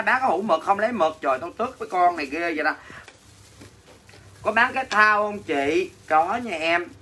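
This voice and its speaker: A man's voice: high voice, sharp tone, slightly rough. A man with a Southern Vietnamese accent hosting a livestream sale, reading out and answering viewer comments in dramatic, teasing, mock-complaining banter. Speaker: livestream seller and host. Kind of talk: casual livestream selling chat.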